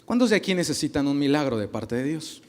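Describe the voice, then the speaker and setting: A man's voice: fairly high pitch, big pitch swings, quick pace, darkish tone. A male pastor preaching a sermon, asking the congregation questions and acting out little dialogues.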